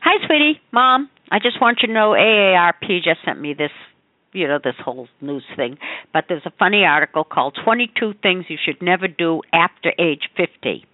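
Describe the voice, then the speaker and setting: A woman's voice: on the low side, very animated, a little fast, dry recording. An older woman leaving casual, rambling phone messages as a mother to her grown child, conversational and scattered, often trailing into half-finished thoughts. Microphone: telephone. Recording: muffled narrow-band phone voicemail.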